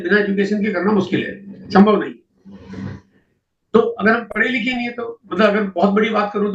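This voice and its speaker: A man giving a seminar talk on statistics, explaining at length with rhetorical questions. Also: high voice. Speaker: network marketing seminar speaker. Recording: echoey, distant, dull lo-fi hall recording.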